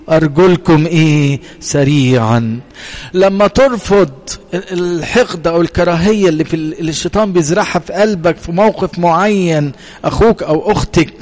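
An Egyptian priest preaching a sermon in a slightly high voice, posing questions to his listeners and answering them himself. His voice carries a long reverb from the church hall around him. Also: darkish tone. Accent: Egyptian Arabic.

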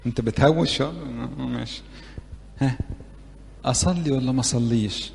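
Playful Egyptian preacher in a reverberant hall. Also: male voice, mid-range voice, normal speed, gravelly, a little mellow. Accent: Egyptian Arabic. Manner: conversational, playful, keeps asking the audience questions. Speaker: church preacher teaching youth. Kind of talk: interactive sermon. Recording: long reverb of a large hall.

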